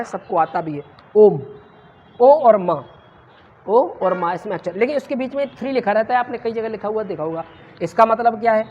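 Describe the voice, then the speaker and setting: A woman's voice: medium pitch, darkish tone. A woman teaching Sanskrit in a classroom lecture, quizzing her students and answering her own questions, sometimes stretching sounds out to demonstrate them. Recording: muffled lo-fi with faint noise.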